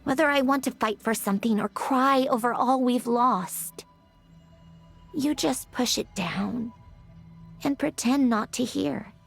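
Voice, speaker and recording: This woman's voice sits on the high side, with vocal fry and a measured pace, as she portrays a prickly, aloof young video game woman who sighs haughtily and carries a melancholy streak. The mood is grieving and reflective, with background music under the voice.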